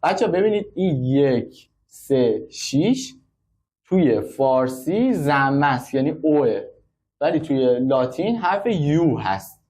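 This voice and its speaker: A man's voice: on the high side, lively intonation, darkish tone. A man teaching braille in a classroom, explaining step by step and counting out numbers. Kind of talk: classroom lesson.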